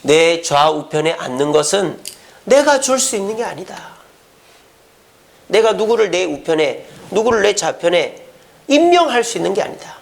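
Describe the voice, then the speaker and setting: A man's voice: high voice, big pitch swings, normal speed, vocal fry. A male pastor giving a conversational sermon at a Friday church service, full of rhetorical questions.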